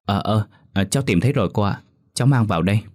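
A man's voice: lowish voice, quick pace, a little mellow, natural voice. A man voicing an anxious, polite teenage son in a horror audiobook.

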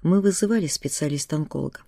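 A reader voicing an elderly, sympathetic male doctor in an audiobook, matter-of-fact and gently firm. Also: medium pitch, fast talker, gravelly, no room sound, studio quality, lightly acted. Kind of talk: audiobook reading.

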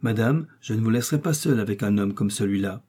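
A man's voice: on the low side, fast, warm tone, slightly rough. A man voicing a bold, stubborn young female cook who talks back, in an audiobook reading. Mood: pert. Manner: pert and insistent.

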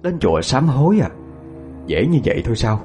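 A man's voice: mid-range voice, very animated, a little fast, a little mellow, reverberant, in a large hall, lo-fi sound, soft background music, pitched above the performer's own voice, lightly acted. A man doing a vengeful young woman ghost. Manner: fierce, biting.

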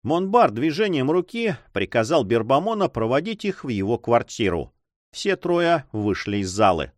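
Male audiobook narrator, lively pitch, dry close sound, measured storytelling. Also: dry recording. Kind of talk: scripted narration of an adventure novel.

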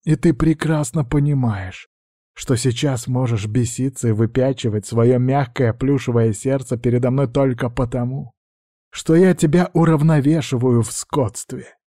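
A man's voice: medium pitch, normal speed, mellow, dry recording, lightly acted. A man voicing a cynical, scheming dragon lord who answers with dry, cutting retorts. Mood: cold.

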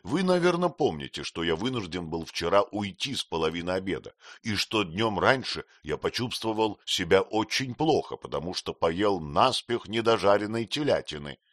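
A patient, earnest young husband, played by a male reader in his own low voice. He talks gently and reasonably, with a lot of movement in his pitch. The sound is dry and close. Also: expressive, normal speed, hardly any pauses, dry recording. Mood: gentle.

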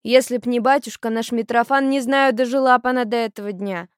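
A woman doing a shrill scolding old granny. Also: steady tone, brisk, clear, resonant tone, no echo, clean studio sound, lightly acted. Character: old village grandmother, pious and scolding. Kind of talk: audiobook character voice.

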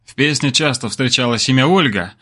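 A man narrating a story in the first person in an expressive storytelling manner. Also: medium pitch, fairly quick.

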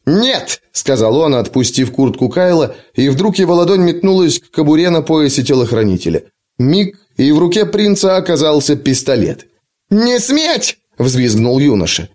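A man's voice: big pitch swings, moderate pace, a little mellow. A man voicing a spoiled, panicky young prince who shrieks his orders in an audiobook. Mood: shrill panic. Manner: shrill, screeching. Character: hysterical young male prince, spoiled and cowardly.

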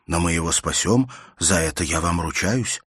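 A man's voice: low-pitched, moderate pace, a bit bright, husky, no room sound, clean studio sound. A man voicing an anxious, reassuring young man. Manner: earnest, insistent reassurance. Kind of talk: audiobook character voice.

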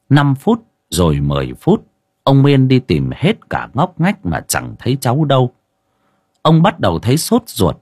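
A man's voice: lowish voice, darkish tone, slightly rough, no room sound, studio quality. A man, narrating a ghost story with dramatic expression.

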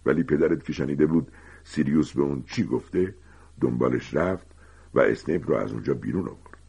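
A man's voice: very deep voice, creaky, husky, full character voice. A man doing a weary, confiding teacher. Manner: calm, confiding storytelling. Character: gentle, weary grown male teacher confessing secrets. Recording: dull lo-fi recording.

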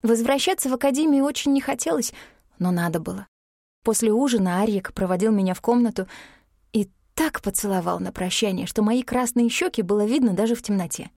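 A woman narrating a first-person fantasy audiobook in a lively, expressive reading. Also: mid-range voice, brisk, no room sound, studio quality.

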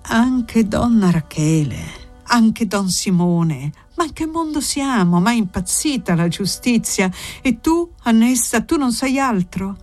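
A woman's voice: fairly high pitch, animated, takes it slowly, a little mellow, soft background music, pitched above the performer's own voice. A woman reading as an alarmed old shepherd. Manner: anxious questioning. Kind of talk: audiobook character voice.

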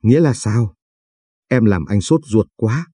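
A man's voice: on the low side, lively intonation, measured pace, mellow, breathy edge, no room sound, clean studio sound. A man voicing a caring young man who is earnest and worried, talking protectively in a storybook reading. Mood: anxious, eager.

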